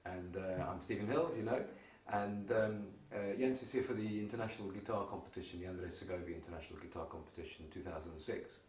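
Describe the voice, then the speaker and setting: A man's voice: deep voice, quick pace, few pauses. A man who makes guitars chatting casually about a visiting player, his speech loose and full of fillers. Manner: relaxed, with many fillers. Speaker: guitar maker showing his instruments. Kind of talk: casual conversation. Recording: roomy, distant mic with faint ambience.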